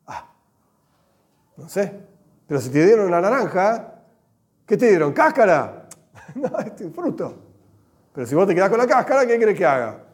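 A man with an Argentine Spanish accent gives a religious class, animated and joking, with Hebrew terms mixed in. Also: high voice, normal speed, long pauses. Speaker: religious teacher. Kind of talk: lively class with everyday examples.

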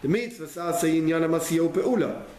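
A man with a Rioplatense Spanish accent gives a Torah class, explaining step by step, repeating phrases and mixing in Hebrew and Yiddish terms. His voice is fairly high and darkish in tone at a normal speed, recorded with roomy echo and faint background noise.

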